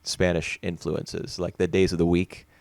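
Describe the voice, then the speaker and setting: Low-voiced man discussing films. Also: level tone, moderate pace, vocal fry, a little mellow, dry recording. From United States. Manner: hesitant, restarts often, chatty. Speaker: podcast co-host. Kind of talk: casual film discussion.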